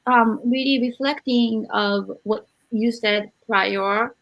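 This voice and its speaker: The audio is lo-fi as this Japanese host, a second-language English speaker, interviews a guest for her podcast. She speaks slowly with a fairly high pitch and fairly even intonation, sounding earnest and emphatic and repeating things to drive them home.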